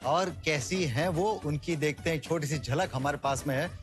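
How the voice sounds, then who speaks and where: A male host gently asking a guest personal questions in a conversational way. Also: a little high, normal speed, soft background music. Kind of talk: interview questions.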